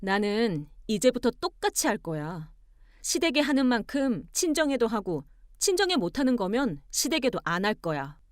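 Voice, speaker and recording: A woman voicing a composed young wife who argues back calmly and pointedly. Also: on the high side, normal speed, no echo, studio quality. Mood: cool firm. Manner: calm, pointed, arguing with cool logic.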